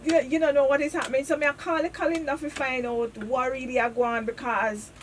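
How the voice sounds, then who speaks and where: A woman's voice: high voice, steady tone, fast talker, recorded from a distance, slight background noise. A Jamaican woman with a Jamaican accent, a comedic actress telling funny phone-call stories in patois on a radio interview, laughing often.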